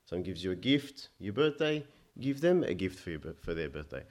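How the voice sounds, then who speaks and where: A man born in Egypt preaching a sermon. He speaks emphatically, climbs to loud peaks and drops low, and often stammers into restarts. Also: sing-song, a little fast.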